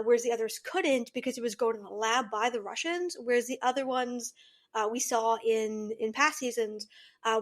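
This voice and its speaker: A woman co-hosting a fan podcast, talking casually in an earnest, thoughtful, rambling way. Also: fairly high pitch. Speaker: podcast co-host.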